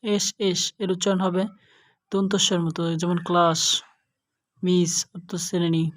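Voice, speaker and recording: A young woman teaching an English lesson, going through letter pairs slowly and carefully. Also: on the low side, little pitch movement. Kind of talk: slow spoken lesson.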